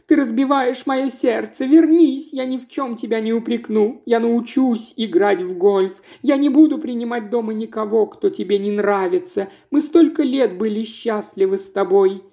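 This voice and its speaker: A man voicing a jealous, distraught wife who shrieks and pleads in a shrill, sobbing manner. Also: normal speed, gravelly, few pauses, mellow. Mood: hysterical.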